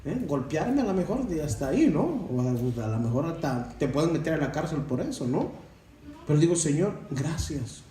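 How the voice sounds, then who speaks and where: A man delivers a sermon-style testimony, preachy and full of rhetorical questions to his brothers. His voice is mellow and a touch high. He sounds far from the mic in an echoey room with faint background ambience. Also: sing-song, normal speed, slight background noise. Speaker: church member giving testimony.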